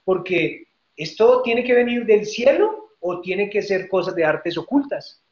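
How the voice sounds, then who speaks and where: A preacher playing a suspicious, doubting old rabbi. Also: male voice, sits high, animated, measured pace. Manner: muttering to himself, doubtful. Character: puzzled, suspicious old rabbi, a respected teacher. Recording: roomy, dull hall audio.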